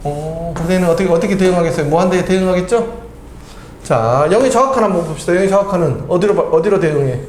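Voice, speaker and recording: In an echoey room, a man tutors math, peppering his student with tag questions and chatting casually between problems. His voice is high and fast with a darkish tone, and there's slight background noise.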